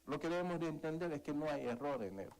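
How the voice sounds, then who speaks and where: A man's voice: fairly high pitch, animated, fast, darkish tone, low-quality recording. Male preacher, earnest, sermon with a personal story. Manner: earnest, calls for amens, tells a story.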